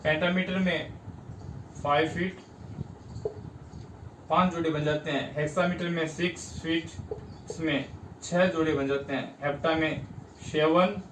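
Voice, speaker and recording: A man from India teaching an English class, breaking words into syllables and stressing each one slowly. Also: fairly high pitch, fairly even intonation. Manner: slow, spells out syllables with stress. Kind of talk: classroom lesson. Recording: roomy, distant mic, faint background noise.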